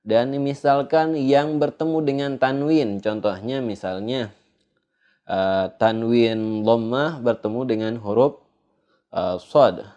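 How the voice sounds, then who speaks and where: A male religious teacher from Indonesia gives a slow studio lesson on Quran recitation. He speaks at a mid pitch and a very leisurely pace, pausing often on "eh" and "ah". His explained points are measured and plain. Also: mellow, lo-fi sound. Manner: unhurried, hesitant with "eh" fillers, sings out drawn-out recited examples.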